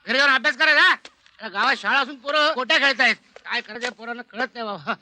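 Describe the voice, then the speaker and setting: Comic film role: a bumbling village cop, Marathi accent, stammers, very high voice. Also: male voice. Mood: cheeky. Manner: stammering, cheeky, quick comebacks. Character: bumbling cheeky village police constable. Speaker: village constable Bajrang. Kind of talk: Marathi comedy film acting.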